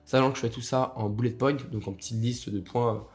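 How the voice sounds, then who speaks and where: A young man with a cold-roughened voice hosting a casual solo podcast, rambling with many fillers and restarts. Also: medium pitch, steady tone, a little fast, soft background music. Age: young adult. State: hoarse from a cold. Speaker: podcast host.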